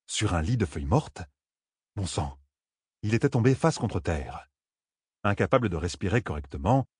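Deep-voiced man narrating an audiobook. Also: darkish tone, husky, no echo, clean studio sound.

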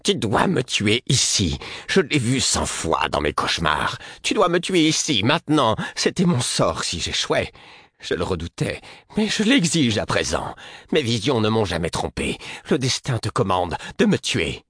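A shrill, raspy woman, maimed and consumed by hate and desperation, cries out in a storybook reading, as a male narrator puts her on. Her voice climbs far above his own low register, strained and piercing. She sounds husky and close, with no room around her. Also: sing-song, a little slow, bright, forceful tone, no room sound, heavily acted. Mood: demanding. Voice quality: shrill, high-pitched, raspy. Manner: demanding then begging.

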